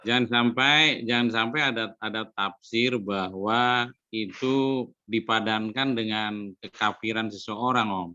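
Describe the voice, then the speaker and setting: A man's voice: on the low side, a little slow, sharp tone, dull audio. A cleric raising a question in a discussion, hesitant and repeating his words.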